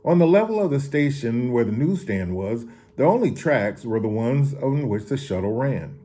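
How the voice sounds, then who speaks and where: A man reads a children's story aloud with a warm, mellow voice. His pitch rises and falls expressively, and he sometimes backs up to reread a line. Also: moderate pace. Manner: expressive reading with occasional restarts. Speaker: story reader.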